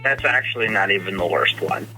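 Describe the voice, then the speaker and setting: A man's voice: lowish voice, lively intonation, a little fast, over music, poor audio. A young man co-hosting a casual podcast, speaking hesitantly with many fillers and restarts. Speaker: podcast co-host. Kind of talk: casual sports podcast chat.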